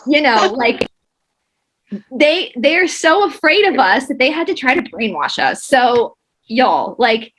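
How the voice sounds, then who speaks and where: This is a woman with a Southern US accent interviewing a guest over a video call. She speaks in a casual, animated way, laughing easily and dropping folksy y'alls. Her voice sits somewhat higher than most women's. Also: takes it slowly, a little hiss or hum, rough recording. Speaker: interview host.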